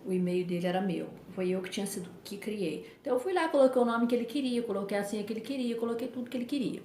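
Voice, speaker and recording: A woman's voice: on the high side, animated, rapid-fire, warm tone, echoey room. A woman with a Brazilian accent tells a personal story in a conversational way, often adding tag questions. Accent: Brazilian Portuguese.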